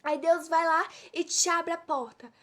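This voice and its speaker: A woman's voice: extremely high pitch, fairly even intonation, a little slow, fairly bright tone. A woman from giving an informal devotional sermon, always throwing rhetorical questions at her listeners. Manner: preachy, full of rhetorical questions. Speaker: preacher.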